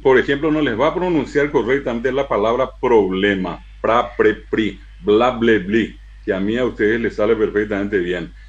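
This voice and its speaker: A man giving a university lecture on language, spelling out syllables slowly and with emphasis. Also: fairly low pitch, a little mellow, highs cut off. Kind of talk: lecture to an auditorium.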